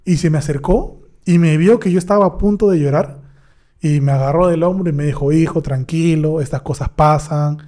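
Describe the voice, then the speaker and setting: Hombre peruano contando anécdotas, voz oscura. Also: male voice, fairly high pitch, brisk. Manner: animated anecdote telling, acts out dialogue. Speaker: podcast co-host, dentist. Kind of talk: casual storytelling.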